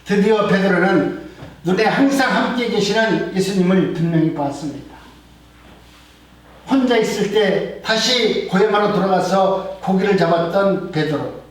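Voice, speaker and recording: A high-voiced middle-aged male pastor preaches earnestly, his volume swelling and then sinking low. He sounds set back from the mic, and his words ring through a very echoey church hall. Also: moderate pace, recorded from a distance. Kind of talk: sermon. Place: church sanctuary.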